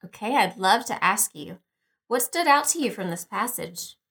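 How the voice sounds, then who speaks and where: A woman with a creaky, medium-pitched voice hosts a devotional podcast with music behind her. She reads scripture and guides a meditation, her tone calm, slow, and gently instructive.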